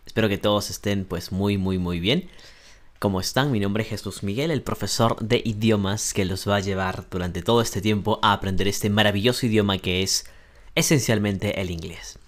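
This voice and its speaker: A man's voice: on the low side, normal speed. A male language teacher giving an online class, explaining grammar patiently in Spanish with many short examples. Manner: greets brightly in English, then explains in Spanish. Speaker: English teacher.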